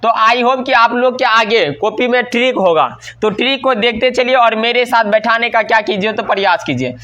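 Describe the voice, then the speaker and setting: Guy teaching a grammar class, high bright voice, keeps asking then answering himself, drags out the word endings. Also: dull audio. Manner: drills by asking and answering his own questions; slows down and stretches words while reciting forms. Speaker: Sanskrit teacher.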